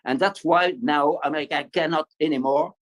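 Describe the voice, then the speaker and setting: A man with a French accent, French his first language, speaking at a conference over a video link in a halting way with many fillers and restarts. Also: fairly high pitch, fairly even intonation, low-quality recording. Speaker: panel speaker.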